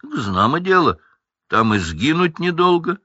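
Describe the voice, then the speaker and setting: A man reads out a gruff, growling giant of a gamekeeper, blunt and homely in his speech. The voice sits low and moves a lot, close and dry. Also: sing-song, a little slow, sharp tone, no echo, dull audio, exaggerated voice. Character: gruff huge male gamekeeper, half-giant.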